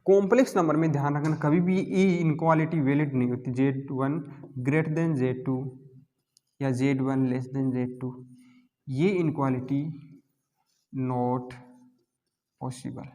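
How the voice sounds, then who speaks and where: A man's voice: medium pitch, fairly even intonation, unhurried, pauses often, a little mellow. A male math teacher, giving a classroom lecture and constantly asking and answering his own questions. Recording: long hall reverb.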